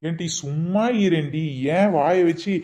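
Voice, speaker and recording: A man's voice: a little high, measured pace, warm tone. A man acting as a bossy coconut seller in a comedy skit, scolding and blustering. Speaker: comic actor playing a coconut seller.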